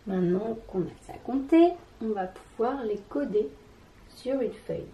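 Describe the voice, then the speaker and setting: Addressing the child directly, a woman leads a reading lesson, breaking words into syllables with slow, careful patience. Her warm, mellow voice sits fairly high with lively intonation, her pace is very relaxed, and the room echoes noticeably.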